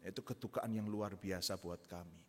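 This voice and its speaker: A male pastor preaching a sermon in church, telling stories and moving between loud emphatic calls and soft, hushed lines. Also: deep voice, steady tone, moderate pace. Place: church hall. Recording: long church hall reverb.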